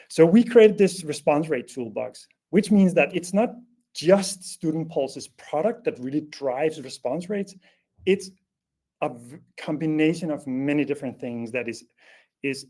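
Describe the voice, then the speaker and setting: A man's voice: a little high, creaky, dark tone. A man hosting an online webinar in a casual presenting style, often restarting his sentences and leaning on fillers. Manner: hesitant, many restarts and fillers. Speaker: webinar host.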